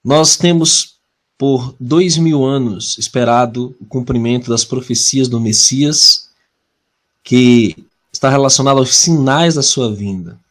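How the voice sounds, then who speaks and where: A man with a Brazilian Portuguese accent leading a weekly prophecy study, earnest and measured, slowing down to stress key words. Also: mid-range voice. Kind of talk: prophecy study talk with opening prayer.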